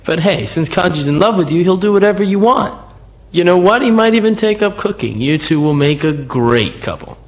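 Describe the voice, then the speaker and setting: A man's voice: high voice, animated, moderate pace. An actor playing a cocky, defiant teenage boy who likes to tease, in an English anime dub. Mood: teasing.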